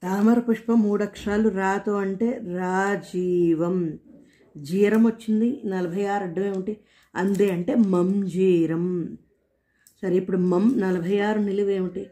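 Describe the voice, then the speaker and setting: A woman's voice: medium pitch, steady tone, mellow. Musing woman solving a crossword aloud. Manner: thinking aloud, slow and musing. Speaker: puzzle solver.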